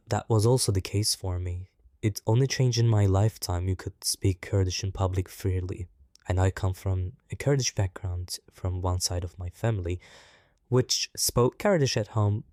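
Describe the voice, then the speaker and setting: A man, his voice disguised to sound deep, speaking thoughtfully and in a measured way in an interview. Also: dark tone, no room sound, clean studio sound. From Turkey. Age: 20s. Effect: voice disguised, altered deeper. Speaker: interview guest. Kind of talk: reflective personal interview.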